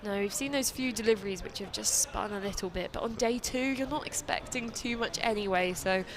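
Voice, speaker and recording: A woman's voice: mid-range voice, a little fast, background noise. A woman commentating live on a cricket match, calling the play and trading jokey banter with her co-commentator. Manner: chatty, joking banter between calls of play.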